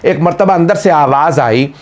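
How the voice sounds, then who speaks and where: A man, a cleric, giving an emotive Muharram majlis sermon, telling a story in drawn-out recitation. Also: on the high side. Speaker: Shia cleric.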